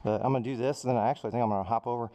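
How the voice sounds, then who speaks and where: A man's voice: medium pitch, steady tone, racing, dark tone. Breathless man narrating his dart throws. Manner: wry self-commentary between throws. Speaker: fitness vlogger. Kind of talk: casual running commentary. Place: home garage gym. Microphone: camera mounted near his face.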